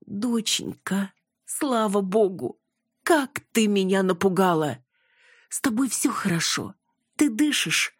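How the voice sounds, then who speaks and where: A woman reading an audiobook, voicing a flustered, theatrical older mother who is an actress, in a high, dramatic and indignant manner. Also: sing-song, measured pace, a little mellow, breathy edge, no room sound, studio quality, full character voice. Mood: relieved.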